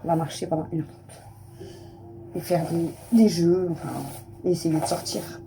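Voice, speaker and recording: A woman's voice: lowish voice, fairly even intonation, moderate pace, noisy background. A woman in her thirties, a family vlogger chatting casually to camera at home, rambling with lots of fillers. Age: 30s. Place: at home, just out of the shower.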